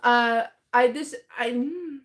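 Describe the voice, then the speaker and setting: A woman with a high, light voice chats on her live stream while opening fan mail. She talks slowly and rambles, trailing off and restarting her sentences, with small giggles in between. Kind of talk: casual live stream chat.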